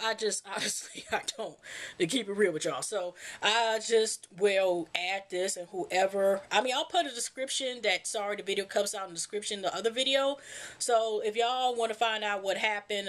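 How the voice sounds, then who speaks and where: A woman vlogger rambling casually through a gossipy TV recap, acting out what people said. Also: mid-range voice. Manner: rambling, animated, gossipy retelling. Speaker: YouTube TV reviewer.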